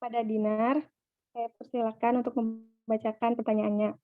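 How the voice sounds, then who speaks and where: A woman moderating an online class discussion in a formal, halting way, her voice coming through choppy, breaking-up call audio. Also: on the high side, flat delivery, dry recording. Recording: tinny phone-like call line, far from mic.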